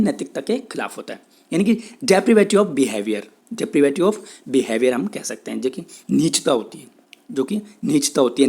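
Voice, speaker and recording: A man with an Indian English accent teaching exam vocabulary in a Hindi-English lecture, repeating himself often and saying English definitions slowly. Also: fairly high pitch. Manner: repetitive, checks in with "theek hai", says English definitions slowly.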